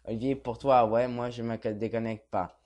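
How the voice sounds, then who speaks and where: A man's voice: medium pitch, steady tone, normal speed, darkish tone, highs cut off. A young man with a Quebec French accent casually reads a chat log aloud as a gaming vlogger, mumbling and swearing offhand.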